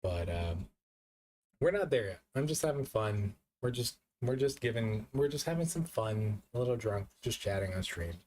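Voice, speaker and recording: A man's voice: fairly low pitch, expressive, moderate pace, a little mellow, a little hiss or hum. A drunk man streaming live, rambling and repeating himself as he chats casually with his viewers.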